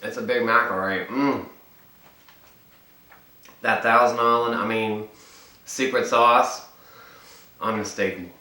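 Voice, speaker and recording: Man, eating vlogger, rambles as he chews, bright forceful tone, off-mic in a roomy, faintly hissy space. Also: lowish voice, steady tone, takes it slowly, long pauses. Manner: rambling, chatty, talks while chewing. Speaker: mukbang vlogger. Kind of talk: casual eating vlog. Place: indoors, filming alone. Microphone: camera mic set up by himself. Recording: echoey room, mic at a distance, faint noise.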